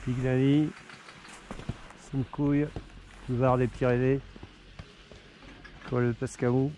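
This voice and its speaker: A man's voice: mid-range voice, little pitch movement, slow, warm tone. A man skiing outdoors and muttering casual remarks to himself as he films his run on an action camera. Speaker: skier filming his run. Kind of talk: casual running commentary. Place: outdoors on a ski slope. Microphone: action camera worn on the body. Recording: wind noise on an action camera.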